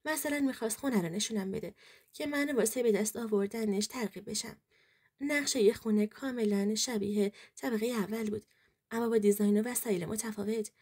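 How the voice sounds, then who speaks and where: A woman's voice: on the high side, a little mellow, breathy edge. A woman narrating a true story in the first person, telling it in an earnest, emotional way.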